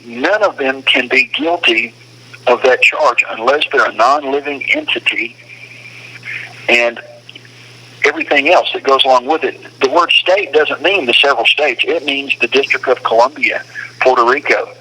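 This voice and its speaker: Calling from a detention facility, a detainee talks casually but with strong opinions, pressing his points with emphasis. His mid-range voice moves at a moderate pace, with a sharp tone and a breathy edge.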